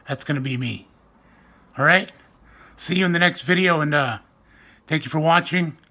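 This is a young man's laid-back home vlog, shot close-up on a phone or webcam in a small indoor room. He pokes fun at himself slowly, in a fairly high, soft, weak and raspy voice.

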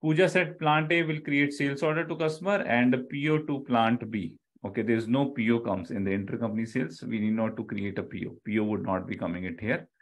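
During a live online lecture, a middle-aged man with an Indian accent explains things step by step at a medium pitch, talking fairly quickly and barely pausing. He repeats key phrases and checks in with "okay" and "right."

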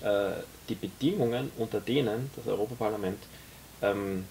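A man in his forties, a guest and author, explaining his ideas in a relaxed conversation with many hesitations, recorded in a small café. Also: fairly low pitch, moderate pace, gravelly, slight background noise. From Austria. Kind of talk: casual conversation. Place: tea room in a small café.

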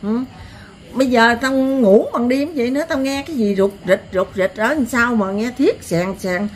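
An older woman with a Southern Vietnamese accent, telling stories in a blunt, earthy, animated way as an interviewee. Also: on the high side, moderate pace, a little hiss or hum. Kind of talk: rural storytelling.

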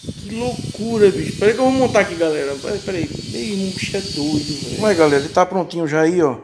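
In an unedited unboxing vlog, a Brazilian YouTuber with a fairly high voice and a Brazilian Portuguese accent opens a gift from a fan. He talks fast and chattily, exclaiming loudly, then drops to low mutters while fiddling with the box, moved almost to tears. His handheld phone or camera is shaky, and the noisy home recording picks up clicks and handling sounds.

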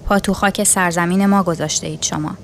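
A woman's voice: fairly low pitch, steady tone, vocal fry, slight background noise. Stern male sea captain voiced by a woman narrator, dignified and immovable; storybook reading. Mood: firm. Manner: firm, dignified, unyielding.

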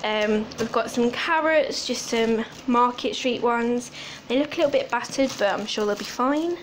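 This is a UK vlogger in her 20s going over a grocery haul in her home kitchen, phone in hand, listing purchases with casual asides. Her voice is on the high side at a moderate pace, with a little hiss or hum.

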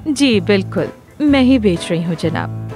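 A woman dubbing a greedy, scheming mother in a TV drama, theatrical and lively. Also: mid-range voice, unhurried, soft background music, close to an everyday voice. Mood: sly. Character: scheming mother, greedy, giddy over money. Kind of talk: Urdu dub of a TV drama.

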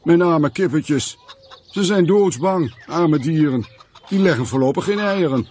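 A man voicing a fussy older male farmer who frets and complains slowly in a cartoon. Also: a little high, lively intonation, a little mellow, slight background noise. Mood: fretful.

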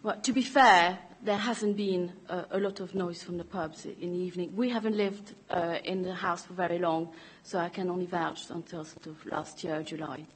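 A woman's voice: lowish voice, steady tone, moderate pace, slightly rough, rough recording. A woman in her thirties giving spontaneous answers at a public meeting, speaking into a desk microphone. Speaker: resident answering committee questions. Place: council meeting chamber, indoors. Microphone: gooseneck desk microphone.

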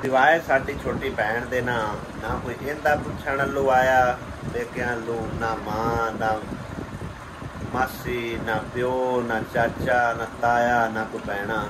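A man's voice: mid-range voice, little pitch movement, measured pace. Lecturing man on a noisy street. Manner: lecturing, keeps asking if she understood. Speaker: vlogger husband. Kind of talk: casual family vlog talk. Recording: noisy outdoor recording with wind.

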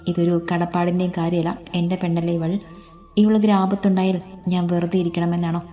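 A woman's voice: lowish voice, level tone, brisk, warm tone, natural voice. A woman voicing a protective young man who earnestly reassures the woman he loves. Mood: tender, earnest. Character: protective young man, fiercely devoted lover.

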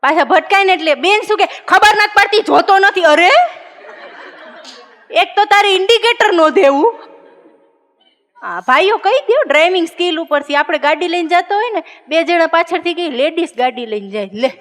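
A woman tells comic stories from a stage. She is animated and laughs often as she acts out other people's lines. Her voice rings with a long hall reverb. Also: extremely high pitch, a little fast. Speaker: comedian.

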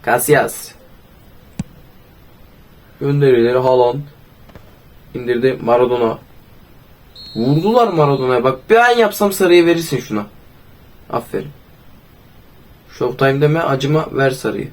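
A hoarse young man with a cold, commenting casually on his own football video game match and calling out player names excitedly. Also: mid-range voice. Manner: excited, shouts player names, sometimes sings. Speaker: gaming YouTuber.

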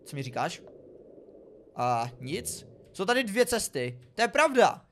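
A man giving excitable, exclamatory let's play commentary while talking to his viewers. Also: sits high, a little hiss or hum. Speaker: gaming video creator. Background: faint background music.

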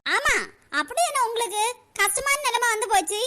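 A woman voicing a sharp-tongued young wife in a cartoon, with a Kanyakumari Tamil accent and a quarrelsome, scolding manner. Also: very high-pitched, expressive, normal speed, full character voice. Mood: mocking.

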